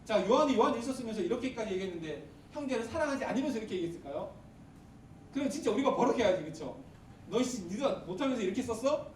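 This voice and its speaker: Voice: mid-range voice, a little mellow. A youth pastor preaching a retreat sermon, quizzing the congregation and acting out angry quotes. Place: retreat worship hall. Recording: echoey hall, distant mic, faint hiss.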